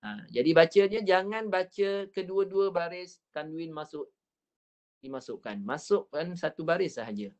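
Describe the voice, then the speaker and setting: Malaysian Malay male recitation teacher, fairly high voice, slow and repetitive, models each sound. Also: lively intonation. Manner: patient, repeats points, drawn-out recited syllables. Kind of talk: online Quran recitation class.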